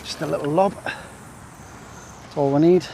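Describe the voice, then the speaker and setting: A chatty man talks to camera as he fishes on a breezy riverbank, his voice sitting a little high for a man. He rambles easily with jokey, self-mocking asides, and a faint hum of town and traffic sits behind him outdoors. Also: steady tone, takes it slowly, gravelly, warm tone. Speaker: angling vlogger. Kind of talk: casual chat to camera while fishing. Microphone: camera on a stand, at times stepping away.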